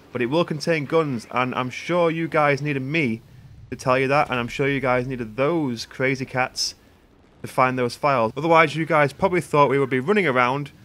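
A man's voice: on the high side, bright, forceful tone. A British man doing sarcastic, mock-serious parody news anchor commentary for a gaming channel. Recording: gunfire and game noise behind voice. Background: video game gunfire.

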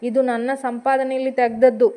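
Brief: bossy husband coaching driving, read by a woman, firm, pushy, a bit higher and louder. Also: steady tone, normal speed, close to an everyday voice. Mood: stern bossy. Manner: bossy, raises his voice. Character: stern impatient husband teaching driving, man.

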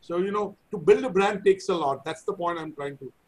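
High-pitched middle-aged Indian-accented man. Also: a little fast, rough recording. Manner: chatty, anecdotal, self-deprecating. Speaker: interview host. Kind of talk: conversational interview. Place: indoor room, video call. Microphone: video call.

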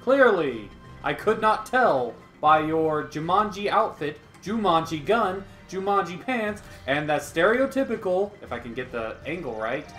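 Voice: medium pitch, big pitch swings, unhurried, fairly bright tone. A gamer chatting and joking while playing with friends. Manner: playful, joking. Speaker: player. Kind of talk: group let's play chat. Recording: echoey room with game music.

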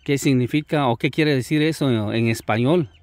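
A man's voice: mid-range voice, normal speed, darkish tone, dry recording. A man from Oaxaca, hosting a casual interview with a teasing, laughing manner. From Oaxaca, Mexico. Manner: teasing, laughs often, keeps repeating the other's name. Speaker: host.

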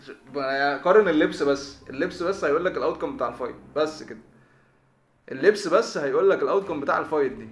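A man with an Egyptian Arabic accent commentating on a game at a breakneck clip, bright and high-pitched, bursting into shouted exclamations and stammering repeats. His voice rings in an echoey room with faint game music underneath. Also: rapid-fire. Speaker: gaming video host.

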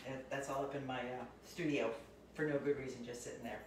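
A woman's voice: a bass voice, fairly even intonation, a little fast, a little hiss or hum. A middle-aged woman casually chatting about the art in her home as she walks through her laundry room. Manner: chatty, self-deprecating, enthusiastic. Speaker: artist giving a home art tour. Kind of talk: casual live-stream tour. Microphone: handheld phone camera. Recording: echoey room, phone held at a distance.

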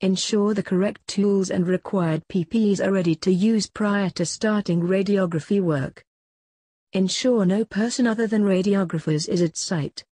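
Husky, dry voice reading safety points. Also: mid-range voice, no room sound. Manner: even, list-like delivery of short phrases. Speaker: safety instructor. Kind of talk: reading slide bullet points aloud.

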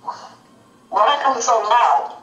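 A woman's voice: a little high, steady tone, takes it slowly, sharp tone. An older woman speaking as a grandmother on a phone call, often asking to have things repeated and scolding sternly. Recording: heard over speakerphone, roomy and distant.

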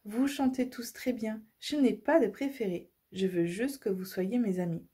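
A woman's voice: medium pitch, normal speed, warm tone, lightly acted. A woman voicing a kind young girl in a storybook, earnest and sweet. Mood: pleading.

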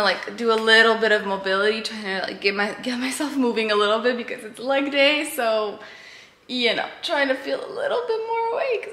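Chatty girl in her 20s vlogging from her kitchen, bright voice, roomy echo. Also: high-pitched. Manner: chatty, lots of "like" fillers. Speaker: vlogger and fitness coach. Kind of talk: casual vlog chat to camera. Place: home kitchen and dining room. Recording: echoey room.

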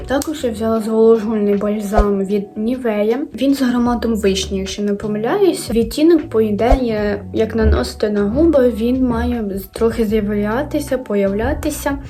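A young woman with a fairly high voice chats through a beauty unboxing. Her tone is soft and mellow. She corrects herself as she goes and often trails into quieter asides. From Ukraine. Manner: chatty, self-correcting, drops to quiet asides. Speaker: beauty vlogger. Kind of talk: casual product unboxing chat.

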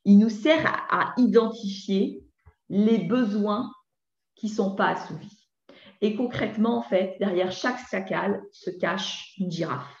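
A woman addresses parents at a community talk on emotions and communication. She speaks in a loose, conversational way, full of fillers and restarts. Her mid-pitched voice echoes around a hall, and the recording is slightly muffled. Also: measured pace, gravelly. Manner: conversational, many fillers, acts out parent and teen dialogues. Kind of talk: public talk on nonviolent communication. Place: municipal conference hall.

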